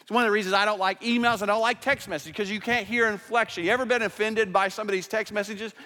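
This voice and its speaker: High-voiced male pastor in a reverberant hall. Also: steady tone, quick pace, pushed and bright. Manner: conversational, with restarts and acted-out quotes. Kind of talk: sermon. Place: church sanctuary.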